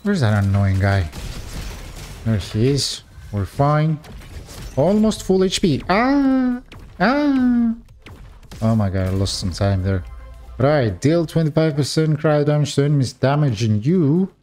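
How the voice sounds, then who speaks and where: A young man gives casual, excitable commentary over his gameplay, chatting directly to his viewers. He talks at an unhurried, drawn-out pace at a middle pitch, and faint game music plays behind him.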